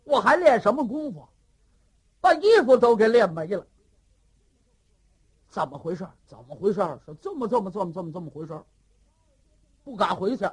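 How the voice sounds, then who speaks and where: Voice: medium pitch, sing-song, moderate pace, long pauses, a little mellow, husky. A storyteller playing a sheepish rambling bandit. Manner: rambling, self-pitying. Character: sheepish male bandit, boastful yet embarrassed. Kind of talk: traditional storytelling.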